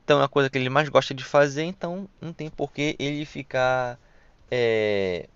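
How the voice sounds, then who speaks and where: A man's voice: mid-range voice, moderate pace, clean tone, no echo. A young man with a Brazilian accent hosting a casual solo podcast, rambling and reflective with lots of slang and fillers, and with s sounds that come out as sh. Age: young adult. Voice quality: hissing s sounds pronounced as sh. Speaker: podcast host. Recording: dull lo-fi dry recording.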